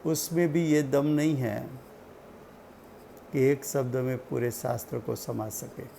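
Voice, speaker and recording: A man giving a slow, deliberate religious study lecture, repeating key points for his listeners. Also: medium pitch, creaky, dark tone, a little hiss or hum. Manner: slow, deliberate teaching with repetition. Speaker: scripture teacher.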